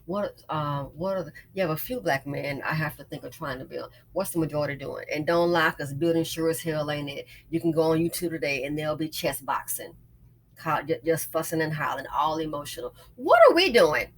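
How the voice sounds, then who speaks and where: A woman's voice: low voice, steady tone, brisk, slight background noise. A woman giving a casual, opinionated monologue as an online host, emphatic and often repeating phrases to drive a point home. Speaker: YouTube host and small business owner.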